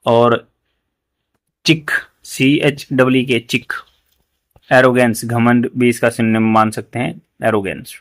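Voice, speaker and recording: A man with an Indian English accent teaching English vocabulary in Hindi, explaining each word and reading English sentences slowly and carefully. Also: medium pitch, a bit bright. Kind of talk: newspaper reading lesson.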